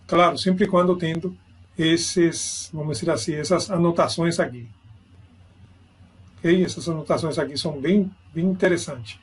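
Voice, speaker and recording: A man's voice: on the high side, moderate pace, slightly rough. A man giving an online grammar lesson, explaining step by step and checking in with his students. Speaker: Spanish teacher.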